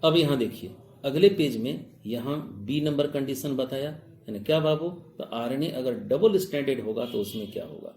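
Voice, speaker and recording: Guy doing a biology exam-prep lecture, gravelly voice, echoey room, keeps quizzing the class. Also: medium pitch, normal speed, a little mellow. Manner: rhetorical questions to students, addresses them as "babu"; mixes Hindi with English technical terms. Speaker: biology teacher.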